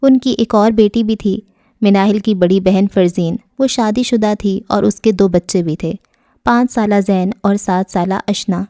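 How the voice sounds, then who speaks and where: Woman narrating a novel, dark and dry. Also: medium pitch, no echo. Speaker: audiobook narrator.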